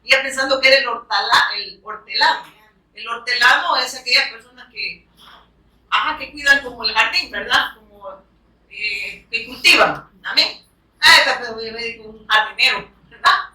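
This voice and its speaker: Bright-voiced woman preaching in an echoey room. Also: on the high side, normal speed. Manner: emphatic, keeps urging listeners to look and punctuates with amen. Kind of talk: sermon. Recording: echoey room, voice picked up from a distance.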